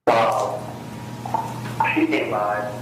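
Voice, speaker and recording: A man talking on a recorded prison phone call, slow and halting, rambling through his story. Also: on the low side, flat delivery. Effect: prison phone call played aloud in court. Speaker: inmate on a recorded jail call. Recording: echoey courtroom playback of a phone call, noisy.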